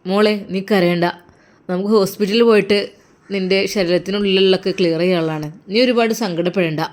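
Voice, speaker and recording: A woman's voice: medium pitch, steady tone, brisk, a little mellow, lightly acted. A woman with a Malappuram Malayalam accent voicing a caring older brother who soothes and lectures earnestly. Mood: soothing. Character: caring protective older brother, young man. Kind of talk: storytelling role-play.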